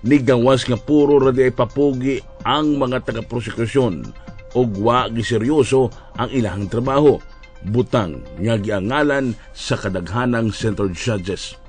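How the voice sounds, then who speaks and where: A man's voice: medium pitch, measured pace, darkish tone, soft background music. A man with a Cebuano accent giving wry broadcast news commentary, often addressing listeners as friends.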